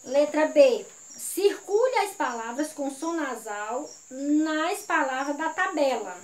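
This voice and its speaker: High-voiced teacher in an echoey room. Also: female voice, animated. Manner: repeats each instruction slowly and patiently. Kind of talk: reading a textbook lesson aloud. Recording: roomy echo with faint crickets.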